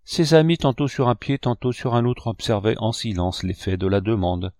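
A man reading a classic novel aloud in a measured storytelling manner. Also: lowish voice, fairly even intonation, darkish tone, no room sound, clean studio sound. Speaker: audiobook reader. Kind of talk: scripted narration.

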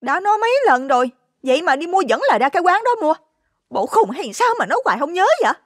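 A woman voicing a rude, sharp-tongued young girlfriend in a story, speaking with scorn. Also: high voice, big pitch swings, fast, no echo, studio quality. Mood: scornful. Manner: scornful, snapping, insolent.

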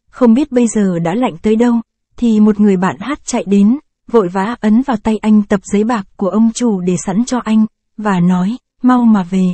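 Warm-voiced woman reading a story. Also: mid-range voice, dry recording. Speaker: audiobook narrator. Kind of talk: reading a short story aloud.

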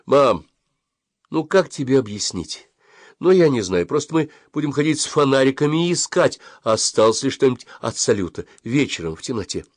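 A man's voice: mid-range voice, very animated, moderate pace, no echo, clean studio sound, voice pushed up. A man voicing a stubborn, sulky teenage boy in an audiobook. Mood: stubborn pleading. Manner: insistent, sulky.

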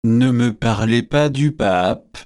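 A man's voice: medium pitch, a little mellow, clean tone, close to an everyday voice. Vincent, a man reading as a fed-up young student. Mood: irritated. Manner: slow, measured reading.

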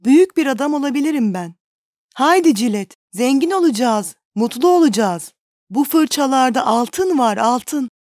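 A woman reading the lines of a passionate, poor young male painter, speaking in fervent, excited outbursts. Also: high-pitched, normal speed, no room sound, studio quality, voice pushed up. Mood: elated.

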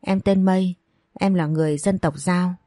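A woman's voice: lowish voice, fairly even intonation, moderate pace, dark tone, dry recording, studio quality, lightly acted. Woman voicing a scared tearful teenage girl. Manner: tearful, begging.

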